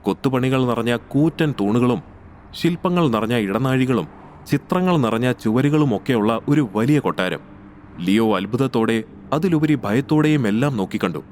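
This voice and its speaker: A man narrating a scripted audio story in a steady, measured way. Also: mid-range voice, slight background noise.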